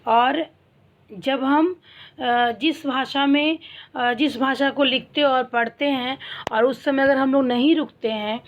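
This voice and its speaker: High-voiced woman teaching a class. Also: steady tone, lo-fi sound. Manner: explains slowly, asks the class questions and answers them herself. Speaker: primary school Hindi teacher. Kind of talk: online class lesson.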